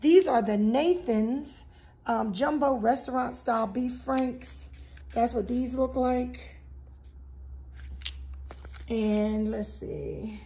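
A woman vlogger speaks slowly to her viewers, leaving long pauses, her warm voice sitting a little high. She's showing a grocery haul in casual, folksy chat from her home kitchen. The recording, made on a handheld phone behind the camera, is rough with slight background noise.

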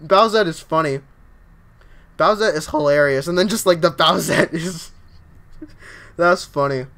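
Excitable high-voiced young male streamer. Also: measured pace. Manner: excitable, upbeat, often starts lines with "yo, honestly". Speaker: game streamer. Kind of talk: casual livestream chat while reading viewer comments.

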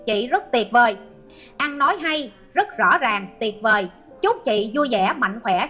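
A woman's voice: sits high, sharp tone. A middle-aged woman hosting an online commentary show, reading out viewer comments and scolding a hater with sarcasm.

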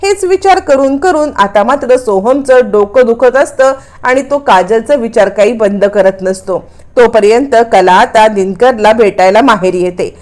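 Woman narrating a serial recap, fairly high voice. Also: measured pace, darkish tone. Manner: storytelling, plot-explaining. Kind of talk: retelling a TV serial episode.

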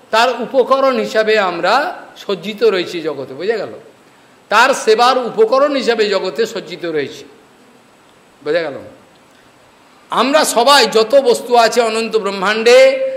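A man's voice: high voice, fairly bright tone. A man from West Bengal giving a devotional sermon, often asking his listeners rhetorical questions and chanting verses. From West Bengal, India. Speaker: preacher. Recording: echoey hall recording.

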